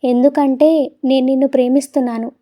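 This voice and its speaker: A woman's voice: high voice, flat delivery, a little fast, dark tone, lightly acted. A woman voicing a young woman, earnest and lovestruck. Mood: tearful. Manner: earnest and pleading. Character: young woman in love, emotional, impulsive.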